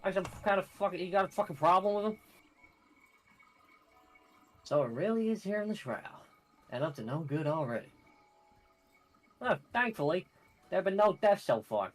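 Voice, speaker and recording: Brief: man playing a loud New York wise guy, swears nonstop, higher than his own voice. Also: animated, normal speed, pauses often. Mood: brash. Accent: put-on New York. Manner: brash, swearing constantly. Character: foul-mouthed brash male guide, New York tough. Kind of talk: reading game dialogue aloud in voices.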